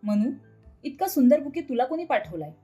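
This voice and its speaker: A woman voicing a dramatic, sharp-tongued middle-aged wife who scolds and complains sarcastically in a storybook reading. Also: a little high, animated, brisk, faint music behind. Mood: sweet, dismissive.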